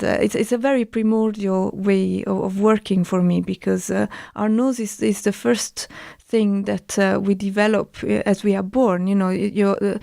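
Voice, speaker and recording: A woman from Italy with an Italian accent, a guest artist talking thoughtfully with many pauses and restarts. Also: medium pitch, gravelly, dark tone, no echo, studio quality. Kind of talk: casual discussion.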